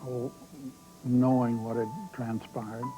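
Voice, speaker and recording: Slow, solemn man reflecting. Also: medium pitch, level tone, warm tone, faint music behind, rough recording. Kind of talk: documentary interview, recalling the past.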